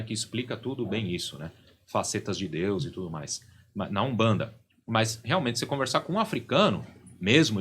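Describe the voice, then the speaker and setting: A man's voice: medium pitch, fairly bright tone, a little hiss or hum. A middle-aged Brazilian man, a podcast guest and religious leader, explaining at length and often checking in with "né?" and "entende?".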